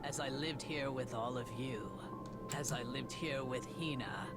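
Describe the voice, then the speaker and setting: A woman voicing a stoic, honorable female martial artist from a video game, grave, measured and formal. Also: very deep voice, loud music behind the voice, pitched below the performer's own voice. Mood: solemn, regretful. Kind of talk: video game character read-aloud.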